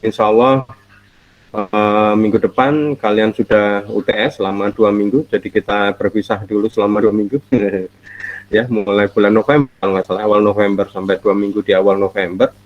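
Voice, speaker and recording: A middle-aged man gives a friendly, chatty online university lecture from home, with a fairly low voice and little pitch movement, nasal and stuffy from a cold. He laughs often and draws out his fillers, and the online call audio is dull and lo-fi.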